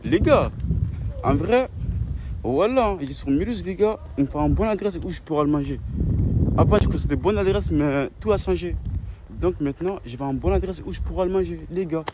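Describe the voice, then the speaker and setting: A man vlogging casually to his followers in street slang, teasing and excitable. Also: on the high side, brisk. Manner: French suburban street slang. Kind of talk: casual vlog chat to followers. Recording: busy crowd and street noise behind.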